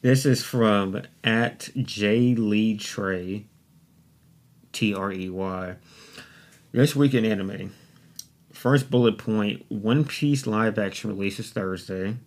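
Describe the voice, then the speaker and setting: Speaking slowly with a fairly low pitch, a young podcast host delivers a casual monologue by himself. His talk into the desktop USB mic wanders loosely, with swearing and plenty of jokes at his own expense.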